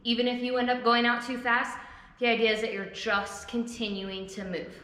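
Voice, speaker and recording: A slightly high, bright and forceful woman's voice, winded from exercise, walking a class through each move. She is recorded in a big, booming gym hall where her words ring out with a long echo. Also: level tone, normal speed. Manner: coaching, explains each exercise step by step. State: out of breath. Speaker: fitness instructor. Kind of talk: workout class instruction. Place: indoor gym or recreation hall. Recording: very echoey gym with long reverb.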